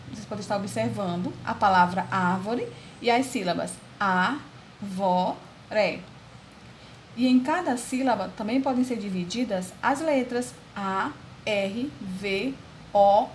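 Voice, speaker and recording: A woman teacher with a Brazilian Portuguese accent gives a video lesson to children, speaking slowly and spelling out syllables one by one. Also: mid-range voice, slight background noise. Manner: slow, deliberate, spells out syllables; religious blessing, addresses class warmly as "turminha".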